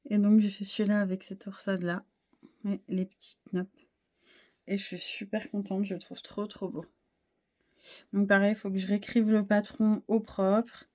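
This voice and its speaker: A woman in her thirties chatting casually in a knitting vlog, a little hoarse, rambling and self-deprecating, full of fillers and restarts. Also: mid-range voice, darkish tone. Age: 30s. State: a bit hoarse, frog in the throat. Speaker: wool dyer and knitting podcaster.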